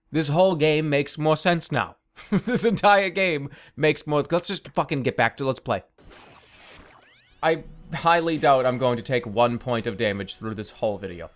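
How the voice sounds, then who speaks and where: A man's voice: medium pitch, fairly bright tone. A man giving casual gameplay commentary in a sarcastic, incredulous, foul-mouthed way. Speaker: gaming video host.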